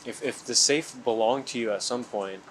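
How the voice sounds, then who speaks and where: A man's voice: mid-range voice, moderate pace, a little hiss or hum, rough recording. A young man talking casually and slangily while ghost hunting, calling out to spirits as he vlogs. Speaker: paranormal investigator. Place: indoors in a large old house.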